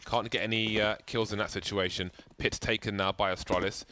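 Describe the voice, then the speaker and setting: A man's voice: on the low side, little pitch movement, a little fast, background noise. A man doing play-by-play commentary on a competitive shooter match, chatty and prone to light banter. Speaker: play-by-play caster. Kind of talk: esports commentary. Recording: loud game sounds behind.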